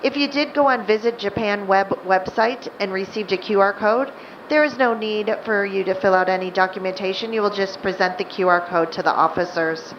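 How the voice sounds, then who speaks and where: A female flight attendant making an in-flight cabin announcement over the plane's public-address loudspeaker, in a loose, chatty delivery with added fillers. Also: medium pitch, a little fast. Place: airplane cabin. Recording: muffled lo-fi cabin recording, faint hum.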